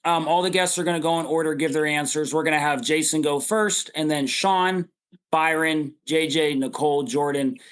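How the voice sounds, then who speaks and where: A man in his thirties hosting a casual panel chat over a video call, quick and laughing. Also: on the high side, a bit bright. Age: 30s. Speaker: podcast host.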